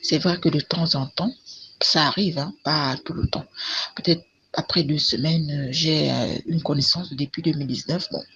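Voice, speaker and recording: A woman's voice: deep voice, fairly even intonation, normal speed, a bit bright. A woman chatting casually through a long personal story, full of fillers and repeated words. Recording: dull lo-fi recording with faint noise.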